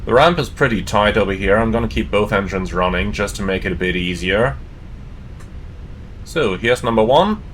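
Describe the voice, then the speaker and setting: A man's voice: animated, moderate pace, a bit bright. A man working as an airline pilot, giving casual commentary and radio calls from the cockpit. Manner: casual, conversational. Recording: faint cockpit rumble.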